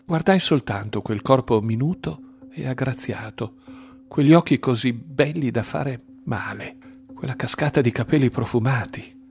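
A man voicing a tormented man who confesses a tragic death, hushed and pleading by turns. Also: mid-range voice, normal speed, faint music behind, natural voice. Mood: hushed confessing. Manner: hushed, pleading, rising to desperate cries.

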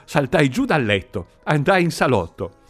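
A man reading a story aloud in an expressive, sing-song storytelling manner. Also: fairly high pitch, moderate pace. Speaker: narrator. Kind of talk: audiobook reading. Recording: faint music behind.

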